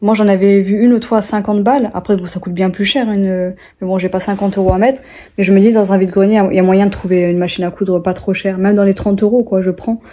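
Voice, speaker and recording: Young woman vlogger, rambling casual chat, soft mellow tone. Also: mid-range voice, steady tone, fast talker. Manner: rambling, chatty, many fillers and restarts.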